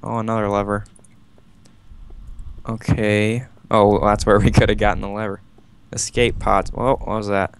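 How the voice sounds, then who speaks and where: A man's voice: on the low side, little pitch movement, moderate pace, pauses often, smooth. A man playing a game with friends, chatting casually and reading in-game text aloud dramatically. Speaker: game player. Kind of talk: casual gaming chat.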